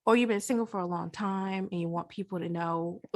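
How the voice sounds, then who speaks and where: A woman hosting a casual podcast, talking in an animated, slangy way and laughing often. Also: fairly low pitch, normal speed. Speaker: podcast host.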